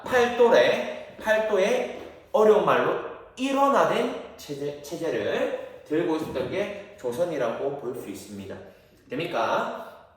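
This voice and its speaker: Lively male history teacher, echoey room. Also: on the high side, far from the mic. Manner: lively, asks questions to the class and answers them himself. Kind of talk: classroom history lecture.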